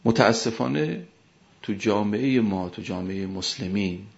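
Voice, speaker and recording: Gravelly low-voiced man preaching. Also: lo-fi sound. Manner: emphatic, rises and falls sharply in loudness. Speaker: cleric. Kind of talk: sermon.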